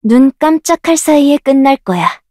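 A woman voicing a proud, confident young female researcher in a game, delivering self-assured lines and commanding skill shouts. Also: high voice, lively intonation, normal speed, no room sound, studio quality. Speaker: voice actress for a game character.

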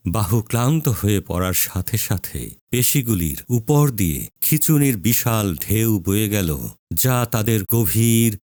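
Male preacher, deep-ish and very expressive, dry close recording. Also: no echo. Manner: slow, solemn, emphatic with drawn-out pauses. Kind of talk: dramatic sermon narration.

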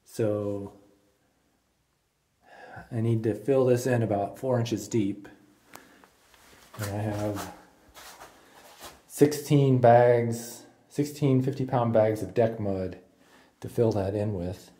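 A man filming his own basement renovation, calmly talking through the work as he goes and thinking out loud with small restarts and fillers. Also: on the low side, slow, pauses often. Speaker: DIY home renovator. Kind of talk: casual first-person narration. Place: unfinished basement room indoors.

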